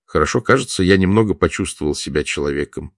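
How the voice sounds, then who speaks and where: A man's voice: sits low, expressive, quick pace, gravelly, dry recording, studio quality. Man reading as a brash weary soldier. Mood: lazy. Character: brash war-weary Soviet soldier, lazy then jubilant.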